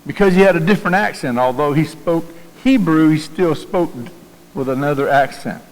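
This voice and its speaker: A man's voice: on the high side, moderate pace. Southern guy preaching in church, chatty, keeps repeating himself and asking the room stuff, big long echo. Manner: conversational, repeats words, asks the congregation questions. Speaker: pastor. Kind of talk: sermon. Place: church sanctuary. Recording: long hall reverb in a church.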